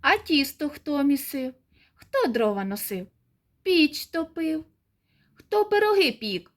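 A patient, hardworking storybook rooster calls out in a loud, earnest voice, as a woman acts him out. His pitch sits a little high and moves in lively swings. He sounds kindly and steady. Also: takes it slowly, exaggerated voice.

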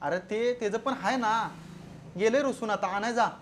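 A man's voice: high voice, moderate pace, a little hiss or hum. Man roasting with crude mockery. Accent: Marathi. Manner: scolding, crude and teasing. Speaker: roast commentator. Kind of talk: mocking comedy roast commentary.

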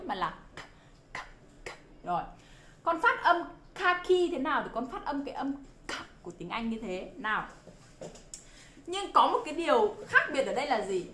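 A woman's voice: high-pitched, fairly bright tone. A woman teaching children phonics, exclaiming often and drilling sounds by repetition. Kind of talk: phonics lesson for kids. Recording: roomy echo.

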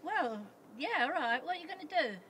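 High-pitched elderly woman, hesitant. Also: expressive, a little fast, fairly bright tone. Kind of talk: casual doorstep chat. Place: outdoors at a house doorstep. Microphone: handheld phone held by the other person. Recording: noisy handheld phone recording outdoors.

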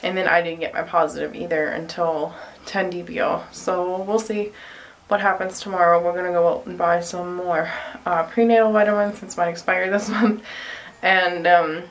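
A woman's voice: fairly low pitch, fairly even intonation, normal speed, low-quality recording. A young woman with a cold, vlogging casually at home into a phone camera, chatting with lots of "um" and "like". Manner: chatty, many fillers like "um" and "like". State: has a cold. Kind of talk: casual vlog. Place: home bathroom. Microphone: handheld phone camera.

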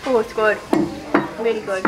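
A woman's voice: on the high side, fairly even intonation, normal speed. A woman chatting over dinner as a visiting tourist, making short appreciative remarks about the food. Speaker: foreign tourist guest. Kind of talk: casual chat over dinner. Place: busy restaurant. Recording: loud crowd noise in a restaurant. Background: loud restaurant crowd chatter.

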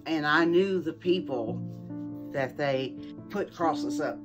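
A woman's voice: deep voice, lo-fi sound, over loud music. A woman recalling local events bluntly in a documentary interview. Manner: blunt, slow-spoken. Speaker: local resident.

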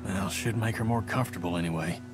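Actor as gruff middle-aged survivor, blunt, low voice, video game, game music. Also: male voice, quick pace, close to an everyday voice. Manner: blunt, reassuring.

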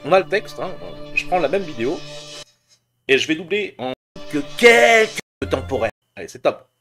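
A man's voice: a little high, expressive, brisk, soft background music. A man casually talking about his voice acting, chatty and hesitant with many fillers. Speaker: voice actor showing his work. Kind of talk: casual demo talk.

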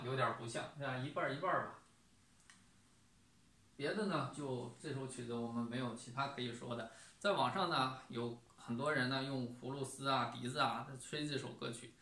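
A man teaching a casual online music lesson, explaining sight-singing slowly and patiently. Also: medium pitch, sharp tone. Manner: sings solfège syllables, then explains slowly and patiently. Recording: roomy, distant from the mic.

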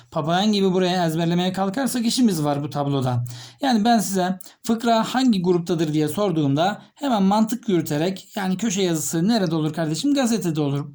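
A male teacher giving a literature lesson, asking his students questions and repeating key terms slowly as he writes. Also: high-pitched, darkish tone. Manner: explains step by step, repeats key terms while writing; addresses students directly with questions.

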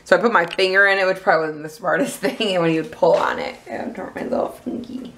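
A woman's voice: on the low side, steady tone, quick pace, a bit bright, slight background noise, poor audio. A young woman, chatting casually and rambling on camera for her vlog, often giggling. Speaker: vlogger.

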